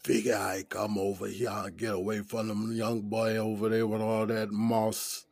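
A man playing Smokey, a gravelly old inmate. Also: flat delivery, moderate pace, darkish tone, no echo. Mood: easygoing. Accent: Gullah Geechee. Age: 60s. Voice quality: deep, raspy. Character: older male inmate, laid-back smoker. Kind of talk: audio drama acting.

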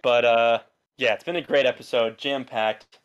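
A young man hosts a loose podcast conversation with his friends, his voice animated and quick to turn exasperated as he jokes around. His pitch sits in an ordinary middle range. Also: clean tone, dull audio. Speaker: podcast host. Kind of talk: casual chat.

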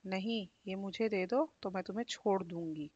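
A pushy, greedy female cat from a children's story, put on by a woman. She snaps and demands in a loud voice that sits a little lower than her usual one. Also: moderate pace, dry recording, dull audio, natural voice. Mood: demanding.

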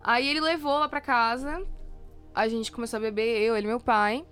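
Young woman, Brazilian accent, a bit high-pitched, animated storytelling, faint music. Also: brisk, smooth. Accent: Brazilian Portuguese, São Paulo. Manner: animated storyteller, playacts the voices of others. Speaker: podcast co-host. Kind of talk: casual chat.

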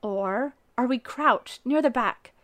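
A woman's voice: on the high side, slow pace, no echo. Earnest woman reading a devotional. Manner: earnest, rising to emphatic preaching on key phrases.

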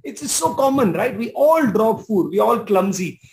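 High-voiced preacher, emphatic. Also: male voice, big pitch swings, moderate pace, vocal fry, slight background noise, rough recording. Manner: emphatic, repeats key phrases, exclaims. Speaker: pastor. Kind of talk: sermon.

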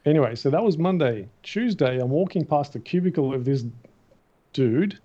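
Australian man with a mellow voice. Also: a little high, moderate pace. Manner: animated, acts out the voices of people in his stories. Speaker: guest, matte painter. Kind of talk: casual interview storytelling. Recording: dull, muffled recording.

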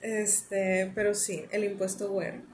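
A young woman with a Mexican accent, chatting casually and telling lively, slangy stories as a podcast co-host. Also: mid-range voice, measured pace, noisy background. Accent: Mexican Spanish. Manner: animated, slangy, acts out quotes. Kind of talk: casual storytelling chat.

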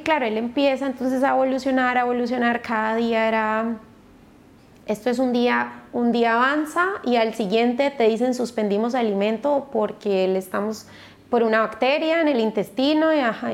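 A woman, a podcast guest and mother, telling her personal story in a halting way with many restarts. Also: fairly high pitch, creaky.

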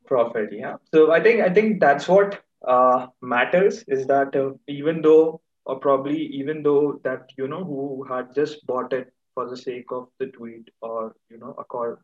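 A man with a North Indian accent hosting a casual discussion, talking in a halting, rambling way and mixing English with Hindi. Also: medium pitch. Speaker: host. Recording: roomy echo, distant mic, dull sound.

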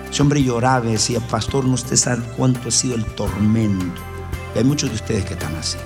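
A man preaching a sermon as pastor, emphatic and repeating his phrases. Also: fairly low pitch. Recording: long hall reverb.

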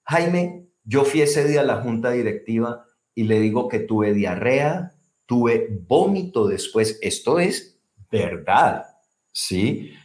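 Expressive and unhurried, this man speaks at a medium pitch with a darkish tone. As a speaking coach guesting on an interview, he gives an animated explanation of technique and leans on certain words to show how it works, all in a room with noticeable echo.

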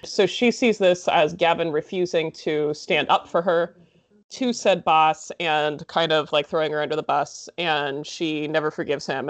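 A woman recapping a movie in casual chat, sarcastic and full of "like" fillers. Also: sits low. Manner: chatty, sarcastic, many "like" fillers. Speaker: podcast host recapping a movie.

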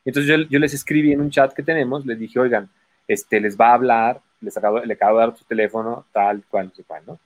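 Speaking a little fast in a mid-range voice with no echo, this man, a guest magician with a Mexican Spanish accent, spins stories in relaxed conversation. He laughs often and lively imitates the voices of each character.

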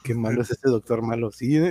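A man's voice: mid-range voice, a little mellow, husky, dry recording. A man with a Mexican accent hosting a livestream, chatting informally with viewers in a rambling, slangy way. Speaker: livestream host. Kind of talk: casual chat with viewers.

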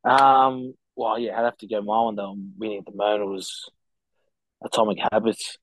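A man's voice: fairly low pitch, level tone, normal speed, dry recording, rough recording. A man chatting casually as a rugby player guest, laid-back and matey with slangy talk. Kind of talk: casual interview chat.

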